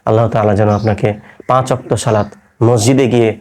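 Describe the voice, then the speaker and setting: Man slowly teaching Quran letter drills. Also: on the low side, fairly even intonation, a little mellow, slight background noise. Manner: patient, repeats each letter drill slowly; asks students questions and answers them himself. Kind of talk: online lesson.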